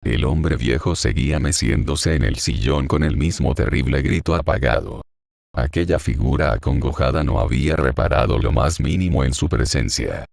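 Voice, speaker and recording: A man narrating an audiobook chapter in a slow, measured reading. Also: very deep voice, vocal fry, a little mellow, no room sound, clean studio sound. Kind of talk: scripted narration.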